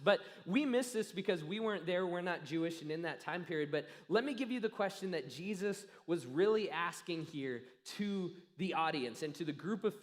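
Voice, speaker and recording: Higher-voiced man preaching in a reverberant hall. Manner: earnest storytelling with dramatic pauses, trailing off softly. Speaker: pastor. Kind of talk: sermon. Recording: long reverb of a church hall.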